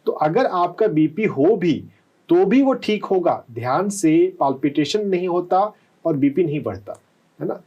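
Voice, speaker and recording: A man working as a doctor, calmly explaining answers to callers on a live health call-in show and often checking with "है ना?". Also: sits high, measured pace, lo-fi sound. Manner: calm, explanatory, often asks "है ना?".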